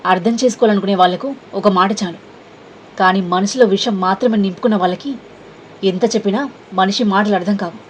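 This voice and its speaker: Headstrong young woman, sharp scolding delivery, read by a female narrator. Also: medium pitch, fairly even intonation, brisk, slight background noise, natural voice, low-quality recording. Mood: defiant.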